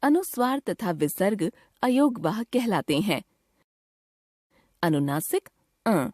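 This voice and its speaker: A woman reading a scripted grammar lesson to children, deliberately spelling out sounds one by one. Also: mid-range voice, very animated, a little mellow, no room sound, studio quality. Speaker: teacher.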